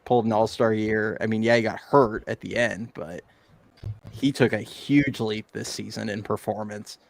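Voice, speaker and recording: Gravelly-voiced man in casual sports chat. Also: fairly low pitch, fairly even intonation, dry recording. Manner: laughs often, quick joking asides. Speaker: podcast co-host.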